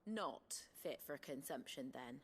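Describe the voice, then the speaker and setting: Lively, teasing, plain-spoken woman. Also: extremely low pitch, unhurried, slightly rough, exaggerated voice. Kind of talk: video game dialogue. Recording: music behind the voice.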